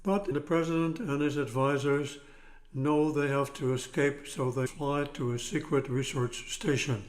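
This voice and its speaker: An elderly man in his nineties reads out a film summary he has prepared. His voice sits a little high for a man, and he moves through it very slowly, pausing between short phrases. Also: steady tone. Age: 90s. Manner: slow, halting delivery in short phrases. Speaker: guest summarizing a film plot.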